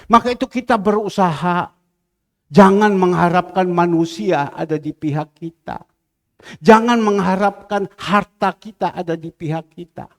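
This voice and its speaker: A male pastor preaching a fervent sermon, swinging from loud cries to quiet asides. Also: high-pitched, a little slow, in a large hall.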